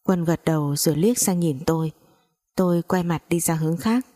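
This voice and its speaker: A woman narrating a sad first-person story in a calm, somber way. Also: lowish voice, moderate pace.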